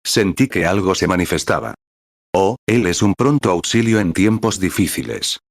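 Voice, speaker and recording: A man reading a translated sermon in a steady, solemn way. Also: low-pitched, moderate pace, gravelly, no room sound, clean studio sound. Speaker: sermon reader.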